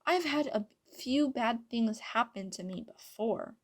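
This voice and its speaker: A woman's voice: on the high side, lively intonation, a little slow. A woman voicing an earnest teenage boy who stammers when he is shaken, in a fan reading of a story.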